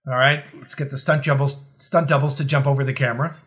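A man's voice: mid-range voice, steady tone, fast, a bit bright. A man co-hosting a casual movie commentary, joking and riffing on scenes with frequent fillers. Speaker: podcast co-host.

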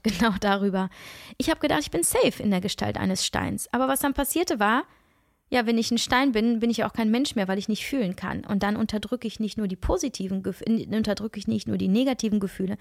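Speaking fast in a creaky mid-range voice, a middle-aged woman who sounds nasal from a cold coaches listeners on her reflective solo podcast. She searches earnestly for words, restarting often and slipping in soft asides. It's a dry, studio-quality recording.

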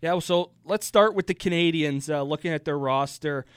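Excitable man co-hosting a hockey talk show. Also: a little high, normal speed, clear, resonant tone, no echo, clean studio sound. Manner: animated, gets worked up arguing. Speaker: podcast co-host. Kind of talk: casual sports talk.

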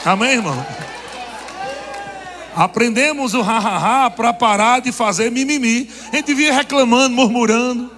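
A man's voice: extremely high pitch, moderate pace, sharp tone, some chatter behind, a little hiss or hum. A man preaching a sermon, joking and laughing with the congregation. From Brazil. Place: church hall. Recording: long reverb of a church hall.

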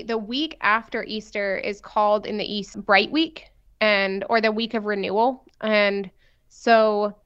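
A woman's voice: mid-range voice, a bit bright, clear, resonant tone. Female guest, casual conversational delivery, playful and chatty, slightly lo-fi muffled sound. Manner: playful, informal, peppered with "like". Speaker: nun, podcast guest.

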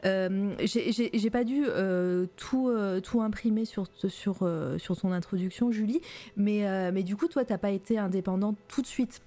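Tired woman host with a mellow voice. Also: medium pitch, moderate pace. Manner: apologetic, stumbling over words. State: tired after work, stumbling. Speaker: host, interviewer. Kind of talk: casual conversational interview.

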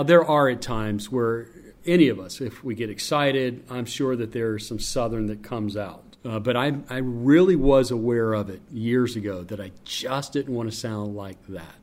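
A man with a deep voice, a public address announcer from North Carolina, telling stories in an interview. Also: a little mellow. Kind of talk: interview conversation.

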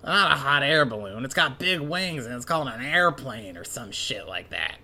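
A man putting on a gravelly, gross, jeering henchman. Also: mid-range voice, expressive, moderate pace, bright, forceful tone, full character voice. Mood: boastful. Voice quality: gravelly, coughing. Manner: needling, mocking, folksy drawl. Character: crude, snotty, gloating male henchman, adult. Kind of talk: manga read-along voice acting.

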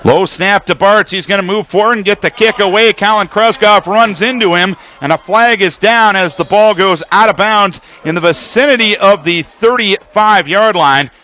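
This radio football announcer is a man whose voice is high and bright, his projected, forceful tone suited to sports coverage. He moves at a moderate pace with hardly any pauses, laying out formations and action in clipped descriptive bursts and calling big plays with excitement.

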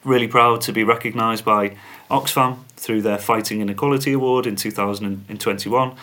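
A man speaking as a company spokesman on a podcast, giving measured, businesslike interview answers. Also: fairly low pitch, steady tone, sharp tone. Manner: measured, corporate, uses fillers.

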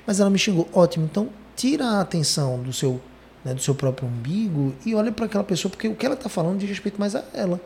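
A man hosting a conversational podcast, telling stories with lively emphasis. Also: high voice, fast, gravelly. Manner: animated storytelling, lively emphasis. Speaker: podcast host.

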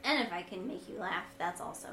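A woman vlogger co-hosts a discussion of their video series, her voice high, sweet, and gentle. She talks casually and reflectively with a wry, self-deprecating manner, animated and brisk, in an echoey room with light background noise.

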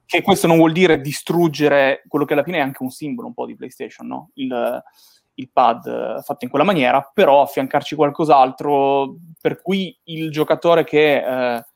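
On a video game talk show, a panelist casually shares his views, rambling and tacking on frequent checking tags. He speaks close to the mic at normal speed with a medium, creaky, fairly even voice and no echo.

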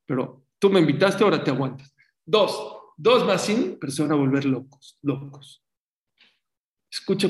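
A man giving a sermon as a religious teacher, telling stories in an animated way. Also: on the high side. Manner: animated, acts out story voices. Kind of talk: sermon with storytelling. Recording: roomy echo.

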